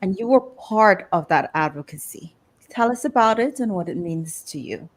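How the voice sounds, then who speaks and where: A woman's voice: mid-range voice, animated, normal speed. A woman hosting an interview show, thanking guests and asking them direct questions. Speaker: show host.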